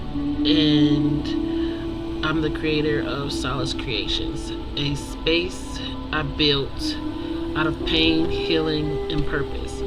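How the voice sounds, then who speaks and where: Talking to viewers about a book they created, this author sounds earnest and uplifting, with a mid-range voice and short, pausing phrases. The talk is personal and reflective, and the rough recording has loud music underneath.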